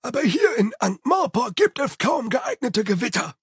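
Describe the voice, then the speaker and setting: Guy doing a squeaky excited servant, strained and loud-ish, dry audiobook sound. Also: normal speed, breathy edge, dry recording, heavily acted. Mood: eager. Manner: high, strained, emphatic.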